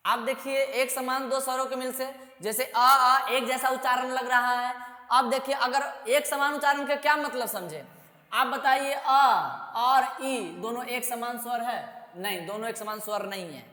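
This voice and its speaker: Slow-spoken woman teaching grammar, echoey room. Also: high voice, fairly even intonation, pushed and bright. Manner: slow, drawn-out vowel drills with repeated "है ना". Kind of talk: Hindi grammar lesson for school students. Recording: echoey room with long reverb.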